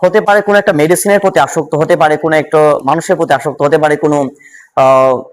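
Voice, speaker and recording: A man with a Bangladeshi Bengali accent runs an exam-prep vocabulary lesson. His voice sits a little high for a man. He drills words by asking a question and answering it himself. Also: fast. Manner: louder and more animated when solving questions. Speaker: vocabulary teacher.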